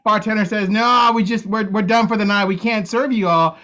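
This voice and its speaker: Bright high man with halting jokes. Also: fairly even intonation, highs cut off. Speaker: improv performer. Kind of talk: live improv joke game.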